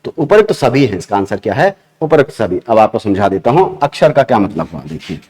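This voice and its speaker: A man's voice: on the low side, sing-song, brisk, darkish tone, breathy edge. A man with an Uttarakhand accent teaching an exam-prep grammar lesson. He explains step by step, repeats key terms and asks the class questions while he writes on a board.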